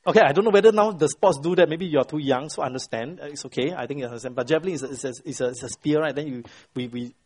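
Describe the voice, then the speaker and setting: A man's voice: a little high, rapid-fire, hardly any pauses, breathy edge. A middle-aged man teaching a Bible class, quizzing his students and tagging points with "right?". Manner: quizzes the class, constant "right?" tag questions; retells the story with lively voiced quotes. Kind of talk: interactive Bible lesson to a class.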